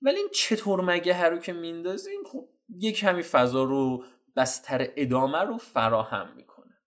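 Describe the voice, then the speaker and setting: A man giving casual, slangy dating advice while walking viewers through chat screenshots. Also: a little high. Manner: slangy, animated, addresses viewers as "guys". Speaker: dating coach.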